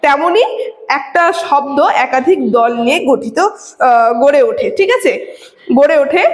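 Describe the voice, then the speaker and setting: A woman teacher giving a classroom lecture, explaining step by step and often checking in with her students. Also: high voice. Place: classroom with a board. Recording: echoey room with long reverb.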